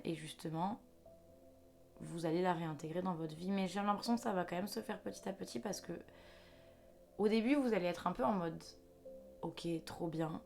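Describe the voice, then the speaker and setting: A woman's voice: fairly low pitch, gravelly, darkish tone. A young woman giving a chatty, reassuring intuitive card reading to viewers, with faint music behind her. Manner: chatty, reassuring, restarts and fillers. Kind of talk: casual spoken reading to viewers.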